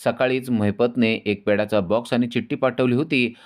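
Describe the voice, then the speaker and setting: A man narrating a recap of a TV serial episode in a steady storytelling manner. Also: mid-range voice, a little fast.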